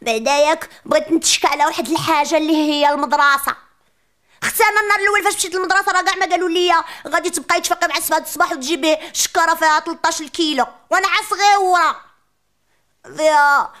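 A woman voicing a chatty, sassy little preschool girl with a Moroccan accent, ranting in a comic monologue. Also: sharp tone. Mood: defiant. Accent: Moroccan Arabic. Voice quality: childish high voice, rapid rants.

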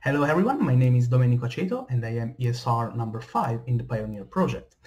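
A man's voice: mid-range voice, darkish tone. A young man, a PhD researcher, giving a scripted self-introduction about his project from a room on a webcam. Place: indoor room, webcam framing.

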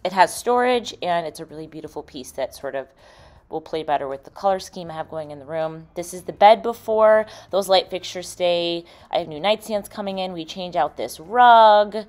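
A woman in her thirties with a slightly low voice narrates a home makeover vlog. She is chatty and explains each step in a casual, how-to way. Music plays behind her voice. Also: moderate pace, a little mellow. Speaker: host and room designer. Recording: background music under the voice.

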